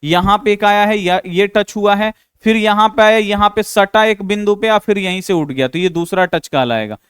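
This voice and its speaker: A male math teacher who speaks in a high, very crisp voice. He walks through each step of a class 10 problem, patiently repeating himself and addressing his students as "babu". The recording is dry and close. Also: normal speed, a bit bright, no echo. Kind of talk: explaining a class 10 math exercise.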